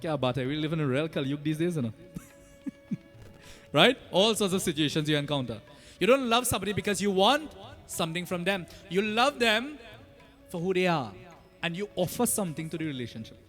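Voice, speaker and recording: High-pitched Trinidadian man preaching. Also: a little fast, soft background music. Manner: animated storytelling with rhetorical questions and "eh?" tags. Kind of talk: conversational sermon to devotees.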